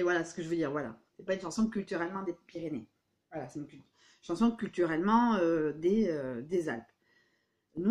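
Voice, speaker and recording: A woman with a southwestern French accent, Béarnais-tinged, talking straight to her viewers from home in a rambling, emphatic vlog monologue. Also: lowish voice. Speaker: vlogger. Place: at home indoors.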